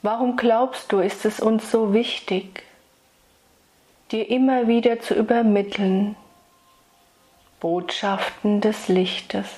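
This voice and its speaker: A woman speaking as a spiritual meditation guide, soothing and intimate, addressing the listener solemnly and tenderly with long pauses. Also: mid-range voice, steady tone, mellow. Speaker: spiritual meditation guide delivering channeled messages.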